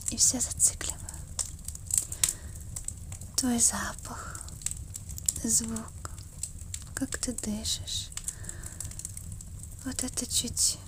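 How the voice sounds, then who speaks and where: Intimate whispered role-play, tender woman. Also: on the high side. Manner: intimate, tender, slow murmur drifting between whisper and soft voice. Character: affectionate, wistful girlfriend murmuring by the fireside. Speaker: ASMR role-play performer.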